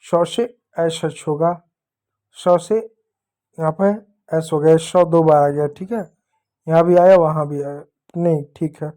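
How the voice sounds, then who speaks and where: A man with a mellow, dark voice addresses young pupils patiently. He goes over each point more than once and slows right down to spell letters one at a time. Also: a little high, fairly even intonation. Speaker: English teacher. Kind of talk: explaining to children.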